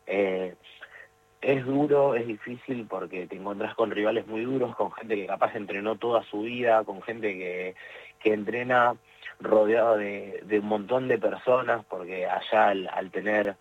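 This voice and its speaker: A man's voice: lowish voice, fairly even intonation, unhurried, muffled recording. A young man with an Argentine accent, answering interview questions about his sport, hesitant with many fillers and restarts. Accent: Argentine Spanish. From Tierra del Fuego, Argentina. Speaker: jiu-jitsu competitor.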